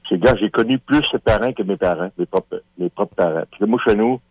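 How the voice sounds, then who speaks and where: Over a dull, muffled telephone line with no room sound, a Quebec radio caller in his thirties speaks in a lowish, brisk voice with a breathy edge. He has a Québécois French accent and rambles hesitantly through the casual phone-in chat, using many fillers.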